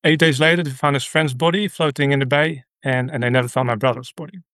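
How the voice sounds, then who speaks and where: A man from the Netherlands with a Dutch accent, a ministry leader recounting his story as an interview guest in an earnest, halting way with many fillers. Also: medium pitch, fairly even intonation, fairly bright tone, dry recording. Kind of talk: conversational interview.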